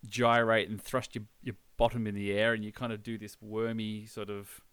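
A man's voice: fairly low pitch, flat delivery, normal speed, a bit bright, clear, resonant tone, no room sound. An Australian man hosting a podcast in casual chat, with a laconic, laid-back drawl. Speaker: podcast host.

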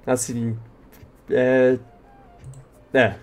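A young man with a Brazilian Portuguese accent hosting a casual podcast, speaking in a halting, rambling way and often repeating words. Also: mid-range voice, little pitch movement, darkish tone, soft background music. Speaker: podcast host. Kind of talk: casual unscripted podcast chat.

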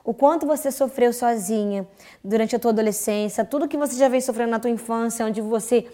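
Effusive high-voiced woman host. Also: fairly quick, warm tone. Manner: effusive, frequent interjections of praise. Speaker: podcast host. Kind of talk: casual faith-based chat.

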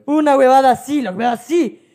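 Ecuadorian woman telling a story on a podcast, high voice, swears a lot, laughs a lot. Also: quick pace, mellow. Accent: Ecuadorian Spanish. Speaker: podcast co-host. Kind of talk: casual storytelling chat.

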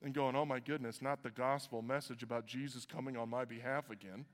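A man from Iowa preaching a sermon as pastor, conversational with joking asides. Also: brisk. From Iowa, USA. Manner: conversational, joking asides, lively swings in pitch. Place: church auditorium. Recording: reverberant church hall.

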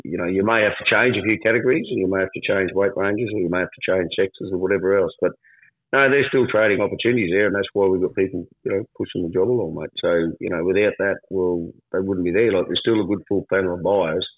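Low laconic rural Australian drawl on the phone. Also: male voice, fast talker. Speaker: livestock agent interviewed as guest. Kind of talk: casual market report on radio. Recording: roomy, phone-like line.

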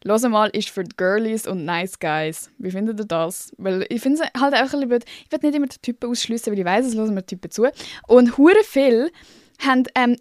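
A woman's voice: fairly high pitch, fairly quick, darkish tone, no room sound, clean studio sound. A young woman with a Swiss German accent hosting her own podcast in casual, slangy, self-mocking solo chat full of fillers. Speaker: podcast host.

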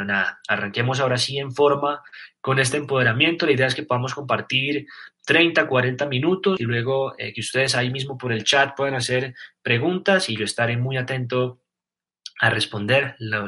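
A Colombian man speaks in a bright, forward voice at an ordinary middle pitch. He talks earnestly through a motivational livestream, filling pauses with small fillers and restarts. He often turns to the listener with direct questions. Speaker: network marketing leader giving a live talk.

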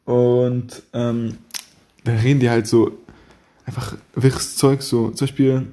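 Young dude podcasting, chill rambling, laughs a lot, warm mellow voice, mid pitch. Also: male voice, level tone, slow. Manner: laughs often, rambling with slang and restarts. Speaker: podcast host. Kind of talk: casual podcast chat.

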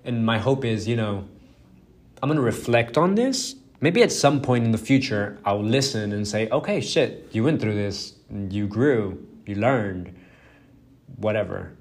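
A young adult man, a native Spanish speaker, hosts a casual solo podcast in a lowish, animated, unhurried voice. He rambles and pokes fun at himself, using plenty of fillers and swearing.

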